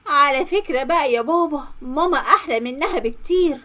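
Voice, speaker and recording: Woman playing a defiant teenage daughter, sharp, egyptian accent, high voice. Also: brisk.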